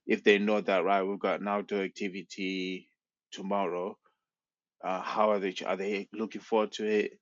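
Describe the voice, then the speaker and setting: On a podcast, a young PhD researcher talks about his work in a low, flat voice at normal speed, hesitating and restarting many times. The sound is dull and dry, without any room sound.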